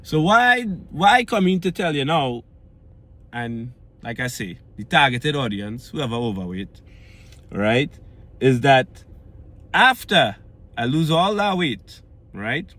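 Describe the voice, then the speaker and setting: The Trinidad and Tobago vlogger takes his time, his mid-range voice animated, pushed and bright. Speaking earnestly with a Trinidadian accent about weight loss and maintaining it, he frequently checks in with "right?" in a casual style.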